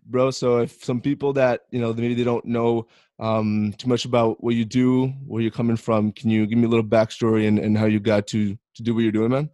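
A man's voice: medium pitch, little pitch movement, a little fast, dark tone, dry recording. A man hosting a podcast, laid-back and slangy, calling his guest "bro" and "my man". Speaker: podcast host. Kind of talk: casual interview.

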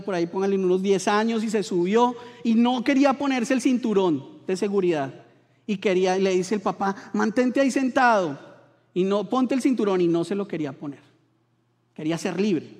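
A man from Colombia, a pastor preaching a sermon in church, telling stories with animated quoted voices. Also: sits high, fairly quick, big-room sound.

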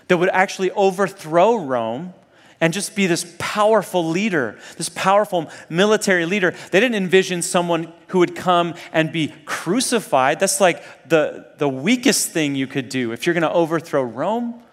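This man's voice is high and expressive, moving at normal speed as he preaches to students. He comes from Zambia and Kenya and keeps things earnest and conversational, frequently asking his listeners rhetorical questions, all heard through a long hall reverb.

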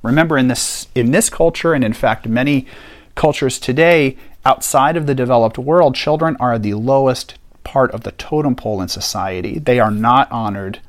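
A man's voice: medium pitch, moderate pace. A man teaching a Bible passage on a podcast in an earnest, conversational way, stressing key points by repeating them. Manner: earnest, animated, emphatic repetition.

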